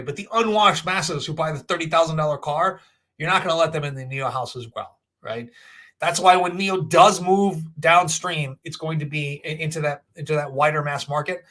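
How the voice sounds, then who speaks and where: A man speaks in a bright, fairly high voice with a sharp edge. He sounds like a livestream host talking off the cuff. His delivery is casual and opinionated, rambling through points and tagging them with a quick check that you agree.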